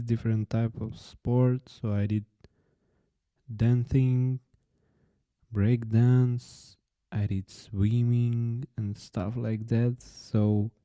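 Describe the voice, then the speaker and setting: A young man from Ukraine speaks English, hosting his own podcast. His voice is very dark and mellow and stays low and flat in pitch. He talks slowly and haltingly, restarting phrases, recorded dry and close. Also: dry recording. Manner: halting, searching for words, frequent restarts. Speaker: podcast host. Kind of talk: unscripted solo podcast storytelling.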